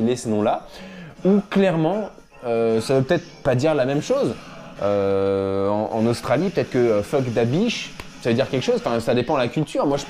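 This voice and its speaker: A young man talks in a loose, joking commentary style, stopping often on fillers as he riffs. His voice sits slightly higher than most men's. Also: a little mellow. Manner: joking, chatty, many fillers. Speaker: host. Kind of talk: casual comedic commentary.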